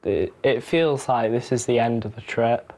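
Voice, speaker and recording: A man's voice: medium pitch, normal speed, darkish tone. A teenage boy with a British accent in unscripted talk on a reality show. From United Kingdom. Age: teens.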